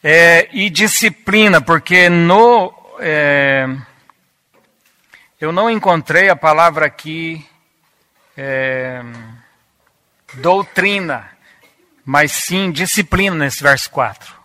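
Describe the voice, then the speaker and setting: Male preacher, fairly high and crisp, unhurried teaching sermon with words repeated for weight. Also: bright, forceful tone. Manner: deliberate, repeats key words for emphasis.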